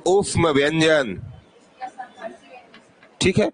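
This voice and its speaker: Male teacher, high voice, unhurried drilling, asks and answers himself. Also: a faint crowd. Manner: repeats sounds slowly to demonstrate. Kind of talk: classroom grammar lesson.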